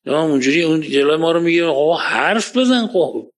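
A man with a fairly high voice delivers a religious lecture with passion. He swings between loud, emphatic points and quiet, muttered asides, stopping now and then to recite scripture. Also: animated. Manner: recites Quranic Arabic verses.

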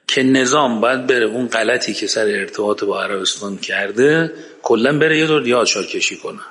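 A man's voice: mid-range voice, fairly bright tone. A man giving an emphatic, argumentative lecture and reciting verses from the Quran. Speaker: speaker giving a religious-political talk. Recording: long hall reverb.

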